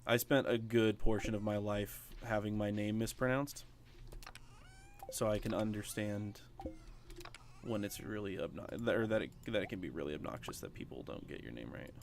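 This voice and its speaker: Low-voiced man chatting while gaming. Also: normal speed, gravelly, a little hiss or hum. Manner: chatty, talks to viewers while playing, many fillers. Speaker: gaming streamer. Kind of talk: casual let's play chat.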